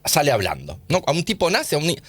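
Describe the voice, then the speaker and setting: A man's voice: a little high, huge pitch swings, fast talker, a bit bright, husky, dry recording. A man with an Argentine accent, a guest scientist in a radio studio interview, explaining eagerly and using casual slang. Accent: Argentine Spanish.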